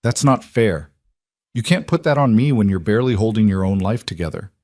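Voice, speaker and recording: A man's voice: on the low side, animated, brisk, darkish tone, no room sound, studio quality, close to an everyday voice. A man voicing an exhausted, struggling young woman of twenty-nine, weary and strained. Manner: weary, strained, pleading for realism.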